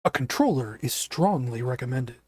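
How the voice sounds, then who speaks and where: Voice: medium pitch, expressive, normal speed. Scratchy-voiced streamer chatting over games. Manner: chatty, reacting aloud, laughs easily. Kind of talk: casual gameplay commentary.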